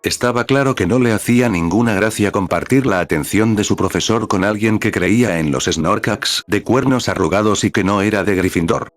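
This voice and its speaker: A man reading a story aloud in scripted narration with an even, measured delivery. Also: lowish voice, dry recording.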